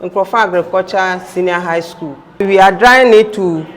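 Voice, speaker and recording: A woman's voice: mid-range voice, normal speed, soft background music. A woman from the school giving brief, affirming answers about the maize harvest.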